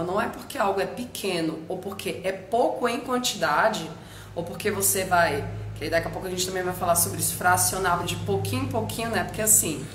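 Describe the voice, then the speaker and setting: A woman hosting a live stream, explaining directly and addressing her viewers. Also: medium pitch. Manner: direct, speaks straight to viewers. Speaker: nutrition live stream host. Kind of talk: instructive live talk to viewers. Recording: echoey room with faint background noise.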